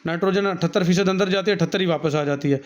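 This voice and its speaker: A male teacher with a Pakistani Urdu accent speaks in a high, rapid-fire voice, reading a textbook passage and then explaining each point to his students in his own words. He explains warmly, calling them "beta." The recording is dull and lo-fi.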